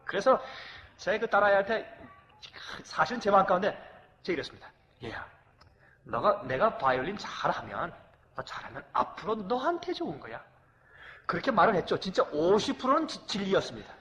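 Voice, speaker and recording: A middle-aged man preaching as a pastor, animated, swinging from loud exclamations to hushed confession. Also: high-pitched, brisk, dull audio. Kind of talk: emotional sermon with acted anecdotes. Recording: long hall reverb.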